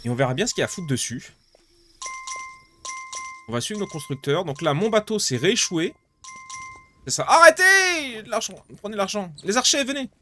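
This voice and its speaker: Excitable swearing gamer. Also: male voice, a little high, slight background noise. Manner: excitable, swears, pleads loudly with game characters. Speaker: gaming YouTuber. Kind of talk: casual let's-play commentary. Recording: game music playing behind the voice.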